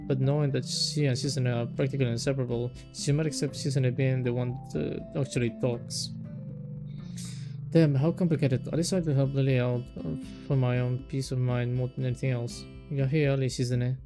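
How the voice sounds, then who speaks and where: A man's voice: medium pitch, creaky. A man casually playing and reading a visual novel aloud, chatty, with amused asides and frequent self-corrections. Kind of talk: casual let's-play commentary and reading.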